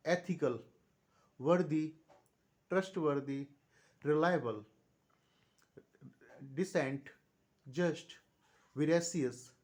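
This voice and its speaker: A man with an Indian accent teaching English vocabulary online, reading long lists of synonyms and calling his students "beta" in a fatherly tone. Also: fairly high pitch. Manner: reads synonyms one by one in a steady list. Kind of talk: online vocabulary lesson, reciting word lists.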